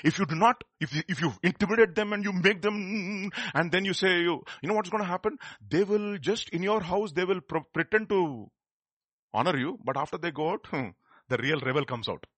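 A man's voice: high voice, a little fast, a bit bright, breathy edge, dry recording. A middle-aged man with an Indian accent preaching a sermon in a conversational way, putting questions and repeating phrases for emphasis. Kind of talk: animated sermon.

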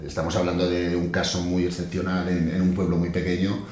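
A man's voice: deep voice, completely flat delivery, a little fast, a little mellow, very echoey. A man from Barcelona, an actor, speaking thoughtfully in an interview and often ending with tag questions. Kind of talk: casual interview talk.

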